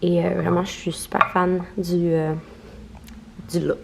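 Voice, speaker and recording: Chatty young Québécoise vlogger. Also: female voice, on the low side, flat delivery, unhurried, gravelly, slight background noise. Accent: Québécois French. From Quebec. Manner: chatty, mixes in English words. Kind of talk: casual vlog.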